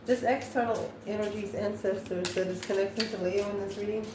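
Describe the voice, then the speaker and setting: Talking to her viewers, a tarot reader and host works through an intuitive card reading, musing out loud in brief, hesitant bursts. Her mid-pitched voice holds a steady tone. The distant mic catches a roomy echo along with some background noise.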